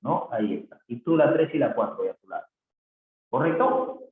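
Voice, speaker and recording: A man's voice: medium pitch, animated, normal speed. A man teaching a recorded grammar lesson, reading exercise sentences aloud and repeating them corrected, often checking in with tag questions. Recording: tinny phone-like, very echoey, faint hiss.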